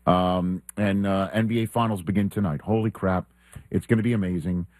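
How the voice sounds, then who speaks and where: A man's voice: low voice, fairly even intonation, brisk, a little mellow, dry recording. A middle-aged man hosting a sports talk show in a studio, chatty and laughing often, with plenty of ums and uhs. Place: radio studio.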